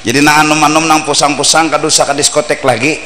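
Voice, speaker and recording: A man with a Banjar accent preaching a mosque sermon, swinging between playful shouts and low earnest asides, heard on an old worn tape recording. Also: flat delivery, fast talker, big-room sound, a little hiss or hum.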